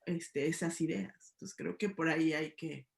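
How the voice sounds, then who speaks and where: This middle-aged woman speaks low and fairly evenly at a measured pace, her gravelly voice echoing in the room. A sociology professor with a Mexican Spanish accent, she muses through a debate with plenty of hedges and frequent "¿no?" tag questions.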